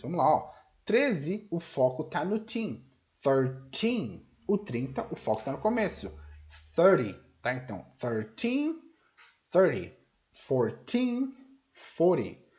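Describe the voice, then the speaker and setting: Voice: medium pitch, darkish tone, muffled recording. A teacher with a Brazilian accent giving an online English lesson, asking rhetorical questions and answering them step by step. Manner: didactic, asks and answers own rhetorical questions.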